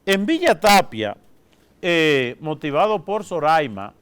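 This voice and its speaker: A priest with a Dominican accent preaches in a casual, down-to-earth way. His voice is high for a man and full of swings in pitch. The tone is clean and resonant, and he keeps turning to the listeners with short asides. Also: takes it slowly, smooth. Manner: lively, folksy, peppers speech with "¿verdad?" and "oiga". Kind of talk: colloquial preaching.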